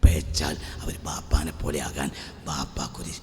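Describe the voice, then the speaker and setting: A man's voice: extremely low pitch, level tone, normal speed, warm tone, slight background noise. A man preaching a sermon, often dropping to a dramatic whisper. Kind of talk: Islamic sermon with Quran recitation. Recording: reverberant hall, faint music.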